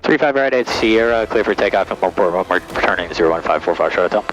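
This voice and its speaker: A man's voice: low voice, expressive, fast, over music. A male pilot making clipped radio calls through his headset in a small plane's cockpit. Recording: engine drone in a noisy cockpit.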